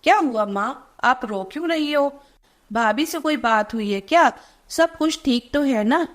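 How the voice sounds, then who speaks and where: Woman narrator doing a harried young wife and daughter: high-ish, fretful, brisk. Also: animated. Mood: worried. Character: anxious married young working woman, complaining daughter.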